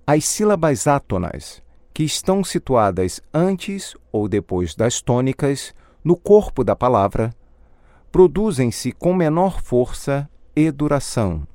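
A man narrating a recorded pronunciation lesson, unhurried and deliberate, his pitch rising and falling freely. The sound is close and dry, with no room around it. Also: very animated, mellow, dry recording. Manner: measured, explanatory delivery. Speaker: language teacher.

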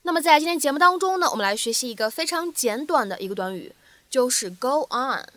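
A young woman teaching a spoken English lesson as the teacher, repeating phrases slowly and carefully to drill pronunciation. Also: high-pitched, animated, a bit bright, dry recording.

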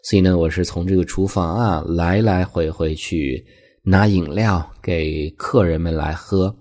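A deep, slightly husky male voice running a language lesson. He reads each English example slowly and at a raised pitch, then explains it briskly in Chinese. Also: fairly even intonation, a little mellow. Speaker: English teacher.

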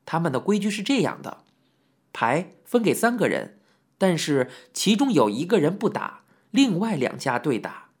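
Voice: mid-range voice, very animated, normal speed, slightly rough. An audiobook narrator telling a first-person memoir in a reminiscing storytelling manner, with occasional asides to the listener.

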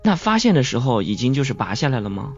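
A man's voice: medium pitch, very animated, fast. A male podcast host chatting casually, reacting briefly and asking follow-up questions. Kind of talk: casual chat, prompting questions. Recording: dull lo-fi sound with faint music behind.

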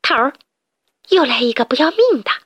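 A woman's voice: sits high, sing-song, normal speed, a bit bright, no room sound. A woman voicing an eager, fawning male rat henchman in a storybook.

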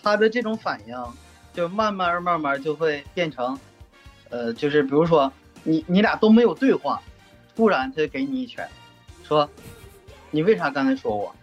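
A man co-hosting a casual podcast chat. He tells his stories haltingly, stumbling over repeated words, and his pitch rises and falls a great deal. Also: expressive, soft background music. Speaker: podcast co-host.

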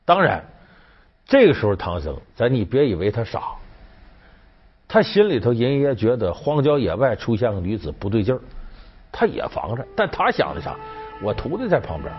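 A man's voice: mid-range voice, big pitch swings, moderate pace, husky. A man hosting a storytelling commentary, chatty and rhetorical, acting out the characters. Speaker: host. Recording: dull sound with faint music.

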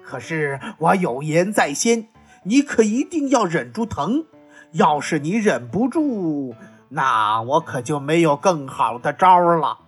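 A woman voicing a gruff, loud crow in a children's storybook, scolding and mocking with a rough voice. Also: low voice, very animated, measured pace, soft background music, full character voice.

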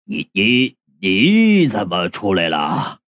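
A man's voice: low voice, wildly swooping pitch, takes it slowly, a bit bright, pitched below the performer's own voice, heavily acted. A man doing a slurring drunk old soldier. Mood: befuddled. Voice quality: slurred speech.

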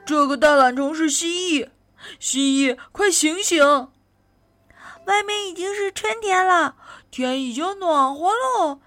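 Eager little frog boys call out excitedly in a high, bouncing voice, as a woman reads them aloud. Their pitch leaps up and down. The storybook recording is dry and close. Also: slow pace, no room sound, exaggerated voice. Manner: excited calling out.

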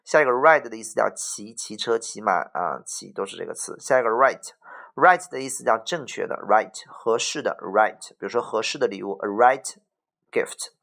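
Low gravelly male vocabulary teacher. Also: lively intonation, moderate pace, fairly bright tone. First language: Mandarin Chinese. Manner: chatty, repeats each word, frequent fillers and "OK". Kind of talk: explanatory vocabulary lesson.

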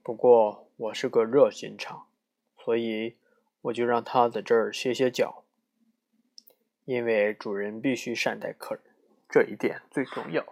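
A man reading aloud, voicing a big, gentle, generous male moose who talks politely and mutters when annoyed. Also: mid-range voice, fairly even intonation, measured pace, vocal fry, pauses often. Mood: grumbling.

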